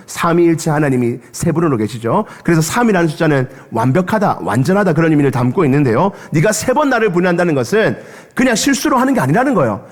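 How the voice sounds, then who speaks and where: A man with a preaching a sermon as a pastor, animated storytelling addressed straight to the congregation. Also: a little high. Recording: long reverb of a church sanctuary.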